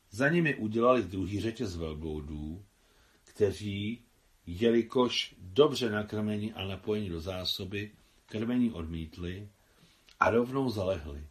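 A man reads a novel aloud in a steady audiobook narration. His voice sits low, and he takes his time with frequent pauses. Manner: measured, unhurried reading with frequent pauses. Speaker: translator reading his own translation.

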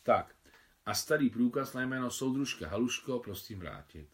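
A man reading the part of a fatherly older army officer who is a keen photographer, in a hearty, brisk manner. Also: medium pitch, expressive, lightly acted. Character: older male officer, kindly veteran photographer.

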